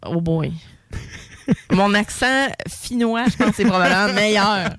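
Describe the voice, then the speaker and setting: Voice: medium pitch, slow, fairly bright tone, no echo. A radio co-host with a Québécois French accent, talking in casual chat with many hesitations.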